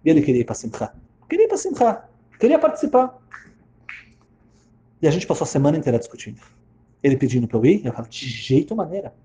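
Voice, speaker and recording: A man's voice: mid-range voice, lively intonation, racing, mellow, a little hiss or hum. A man telling a dramatic story in the first person, emphatic and repeating phrases for effect.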